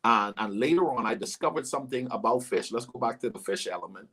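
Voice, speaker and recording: A man's voice: mid-range voice, fast talker, slight background noise. A man from the Bahamas hosting a livestream interview, telling stories with energy and speaking straight to his viewers. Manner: animated storyteller, talks to viewers. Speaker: host.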